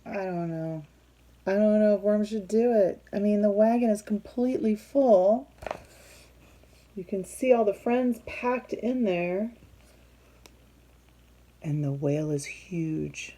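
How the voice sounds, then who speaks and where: Reading a picture book aloud to young children, a woman speaks in a mid-range voice, expressive and teacherly. She pauses now and then to put questions to her listeners.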